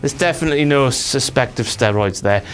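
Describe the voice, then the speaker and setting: A man's voice: mid-range voice, brisk, clean tone, faint music behind. A British man hosting a comic wrestling review, giving slangy, sweary, mocking commentary.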